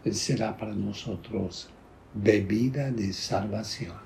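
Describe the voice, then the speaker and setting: A man speaking as a priest, reading scripture and prayers in a solemn, deliberate, expressive liturgical style. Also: on the low side, creaky, a little hiss or hum. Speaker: priest celebrating Mass.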